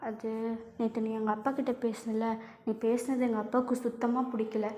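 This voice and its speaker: Young man figure, calm teasing boyfriend, soft-spoken in a told story, voice sits high, as a woman puts him on. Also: moderate pace, slight background noise, lightly acted. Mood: subdued. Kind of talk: spoken fan-fiction storytelling.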